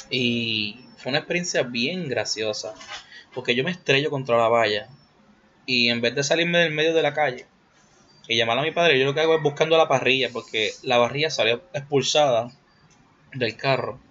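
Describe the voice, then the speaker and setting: A man's voice: mid-range voice, normal speed, long pauses, sharp tone, dull audio, a little hiss or hum. A young man with a Puerto Rican accent, hosting a casual solo monologue. He rambles, jokes crudely and slips English words into his Spanish.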